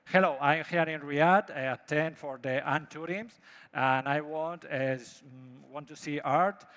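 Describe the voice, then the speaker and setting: A man from Spain with a Spanish accent, a native Spanish speaker giving a live product pitch in broken, halting English. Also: a bit bright. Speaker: startup presenter pitching a product. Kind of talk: live pitch presentation with demo. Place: large event hall. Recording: echoey hall with long reverb.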